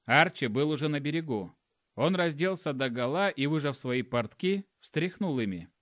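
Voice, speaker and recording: A man narrating a first-person fantasy audiobook in an even, matter-of-fact way. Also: a little high, normal speed, no echo, clean studio sound.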